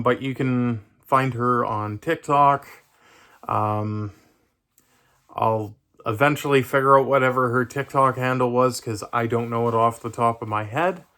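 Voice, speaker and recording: A man's voice: medium pitch, fairly bright tone. A young man talking casually to his camera, hesitant and rambling with many fillers. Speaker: vlogger.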